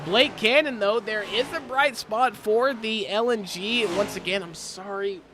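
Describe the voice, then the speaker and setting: A man calling a sim racing broadcast from home, apologetic and quick to correct himself on air. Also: sits high, noisy background. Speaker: sim racing play-by-play commentator. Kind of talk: live race commentary. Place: home, helicopters overhead.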